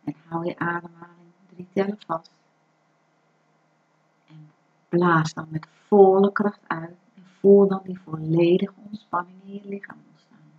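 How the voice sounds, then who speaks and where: A woman guiding a breathing meditation in a calm, soothing, instructive way. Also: fairly low pitch, unhurried. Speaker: meditation guide. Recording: dull lo-fi recording.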